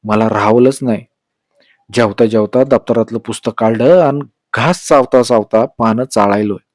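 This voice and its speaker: A man telling a story aloud, with measured, expressive narration in a rural dialect. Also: mid-range voice, no room sound, clean studio sound.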